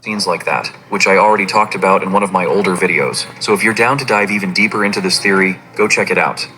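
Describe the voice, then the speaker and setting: A man giving scripted narration of a fan theory in an even, explanatory way. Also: low-pitched, fast, a little hiss or hum, low-quality recording.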